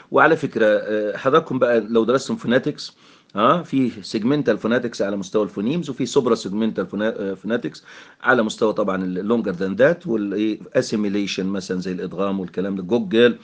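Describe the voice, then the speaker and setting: A man with an Egyptian accent teaching English grammar in Arabic, mixing in English terms and filling pauses with "aah". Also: on the low side. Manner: explanatory, mixes English terms, frequent fillers.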